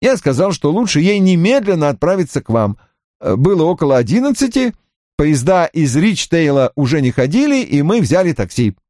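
A man's voice: on the high side, sing-song, normal speed, darkish tone, no echo, studio quality, pitched above the performer's own voice. A man reading an audiobook, voicing an eager young male assistant who reports in long-winded, overly formal sentences. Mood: earnest. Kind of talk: audiobook character voice.

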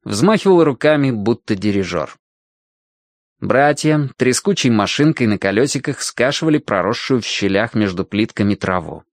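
A man narrating a storybook in an expressive storytelling manner. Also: on the low side, normal speed, no echo, studio quality. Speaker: audiobook narrator.

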